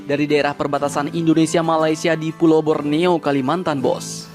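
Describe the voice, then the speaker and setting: Male narrator, casual news read, fairly high voice, roomy sound, music playing. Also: flat delivery, fairly quick. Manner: chatty, keeps addressing the audience as "Bos". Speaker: video narrator.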